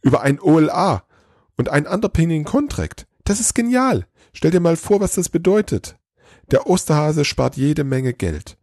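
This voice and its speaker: A man voicing an eager, excited male head elf who gushes without pausing for breath. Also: on the low side, husky, no echo, clean studio sound, pitched above the performer's own voice. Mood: gushing. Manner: rushed, gushing, talks without pausing.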